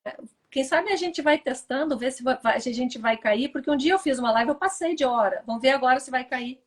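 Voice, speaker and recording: A woman's voice: high-pitched, a little fast. A woman, a therapist chatting casually on a live stream and acting out the lines of the people in her stories. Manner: animated storytelling, acts out quoted dialogue. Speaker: therapist and mentor.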